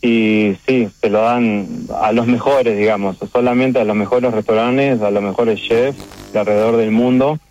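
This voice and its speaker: A middle-aged man with a Uruguayan accent, a chef talking about his restaurant's award in a phone interview, halting and emotional, with many restarts. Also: mid-range voice, steady tone, darkish tone, no room sound. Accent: Uruguayan Spanish. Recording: dull phone line.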